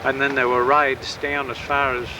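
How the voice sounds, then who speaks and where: An elderly man with an Australian accent tells his war memories in a rambling, grandfatherly way, pausing and correcting himself as he goes. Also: mid-range voice, level tone. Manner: rambling grandfatherly reminiscing, hesitant with pauses and self-corrections. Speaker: war veteran recounting his service. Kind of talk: unscripted oral-history storytelling. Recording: noisy outdoor sound, distant microphone, wind.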